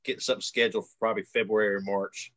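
A man chatting in a relaxed, easygoing way about learning to fly. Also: fairly low pitch, rapid-fire. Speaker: paramotor pilot. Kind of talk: casual chat.

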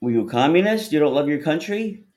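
A man hosts a call-in show and teases his callers with quick comebacks. His voice sits slightly high. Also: expressive, a little mellow, roomy sound. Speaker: host. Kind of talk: casual podcast banter.

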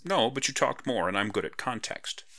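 A man reading a story, voicing a cheeky young bird-like girl with quick retorts. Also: medium pitch, animated, gravelly, bright, forceful tone, pitched above the performer's own voice.

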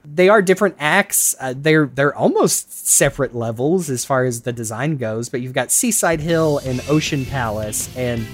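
A man's voice: mid-range voice, normal speed, few pauses, soft background music. A man co-hosting a podcast, rambling casually with lots of laughs, fillers and restarts. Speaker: podcast co-host. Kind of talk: casual chat about games.

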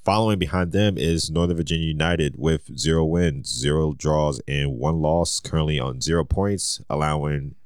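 Podcast co-host: very low, smooth male voice, dry close mic, steady list reading. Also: moderate pace, few pauses, no room sound. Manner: reads league standings in a steady, listing delivery; laughs often and easily. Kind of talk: casual sports podcast chat.

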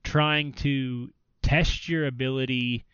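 A man chatting casually on a podcast, rambling and filling his sentences with "like". His voice is smooth and clean, recorded dry and a little dull. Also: mid-range voice, steady tone, slow, a bit bright, no echo. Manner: rambling, filler-heavy, restarts often. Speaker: podcast co-host. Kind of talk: casual chat about video games.

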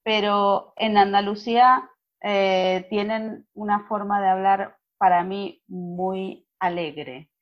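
A woman's voice: medium pitch, fairly even intonation, slow pace. A woman from Buenos Aires with an Argentine accent, a Spanish teacher chatting at length as an interview guest, with many fillers. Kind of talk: casual interview chat. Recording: dull lo-fi audio.

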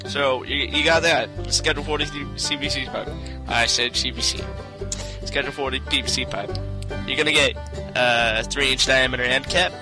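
A man's voice: mid-range voice, fairly even intonation, normal speed, music in the background, lightly acted. A man putting on a Southern accent as a folksy how-to show host, rambling and tripping over part names. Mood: instructional. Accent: put-on American Southern.

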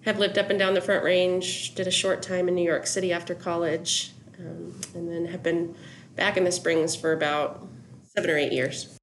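A woman's voice: lowish voice, level tone, normal speed, a little hiss or hum. A woman from Colorado, a business owner answering interview questions lightly and laughing easily. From Colorado, USA. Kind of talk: conversational interview.

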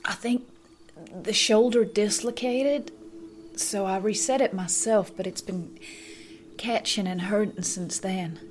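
A man's voice: high-pitched, steady tone, slow pace, a little hiss or hum, pitched above the performer's own voice. A man voicing a tough, wry young woman gunslinger, drawling in a raised voice over background music. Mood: pained. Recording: music behind.

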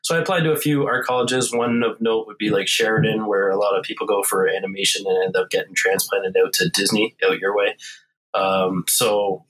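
A Canadian man in his forties is a podcast guest in a casual interview, rambling loosely with many fillers and restarts. His lowish voice is steady, fairly quick, and a bit bright, captured on a low-quality recording.

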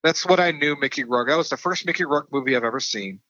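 A man's voice: a little high, fast, pushed and bright, dry recording, highs cut off. A man co-hosting a podcast, talking through a movie casually with lots of fillers and restarts. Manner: rambling, many fillers and restarts. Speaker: podcast co-host.

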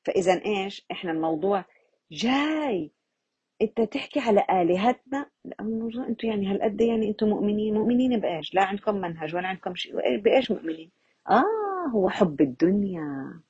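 A woman's voice: mid-range voice, lively intonation, fast, dark tone, slightly rough, no echo, highs cut off. A woman gives an informal Quran reflection lesson, talking conversationally and asking her listeners rhetorical questions. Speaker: religious teacher.

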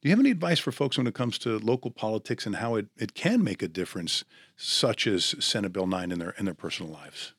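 A man's voice: on the low side, expressive, fast, fairly bright tone, slightly rough, dry recording, studio quality. A man hosting a podcast, asking hesitant questions and then reading a scripted wrap-up. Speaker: podcast host. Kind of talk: podcast interview and scripted outro.

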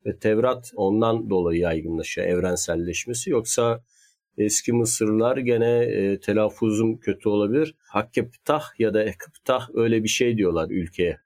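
A man's voice: on the low side, moderate pace, darkish tone. A man in casual conversation, explaining history at length in a thoughtful, hedging way. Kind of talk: casual chat.

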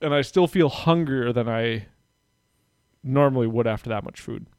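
A man's voice: mid-range voice, normal speed, a little mellow, smooth, no echo, studio quality. A man hosting a podcast, chatting casually and rambling with lots of fillers and restarts. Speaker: podcast host. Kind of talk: casual chat.

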